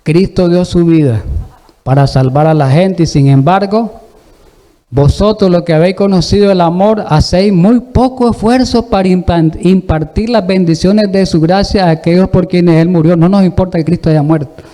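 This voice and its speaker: A man's voice: high voice, moderate pace, dark tone. A man preaching a sermon, exhorting the congregation and asking it rhetorical questions.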